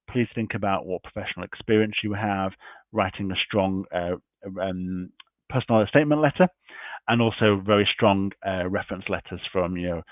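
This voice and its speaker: In an online session, a man with a lowish voice presents university admissions information, going through his slides point by point while his voice gives out. The call audio is tinny and dry, with no echo.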